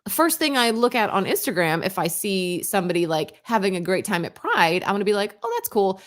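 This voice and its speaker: A woman's voice: medium pitch, lively intonation, brisk. A woman co-hosting a radio show, chatting casually and giving her opinions frankly and with animation. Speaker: radio co-host.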